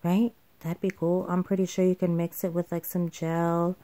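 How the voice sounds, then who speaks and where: A woman's voice: lowish voice, flat delivery, moderate pace, dark tone. Tired, rambling woman craft vlogger. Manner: rambling, self-correcting, with fillers. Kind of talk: casual voiceover chat. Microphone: home voiceover microphone.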